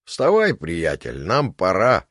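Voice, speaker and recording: A man voicing a hulking male twin thug with a booming bass, smug and threatening, in an audiobook. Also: huge pitch swings, slow pace, fairly bright tone, no room sound, clean studio sound, full character voice. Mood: menacing.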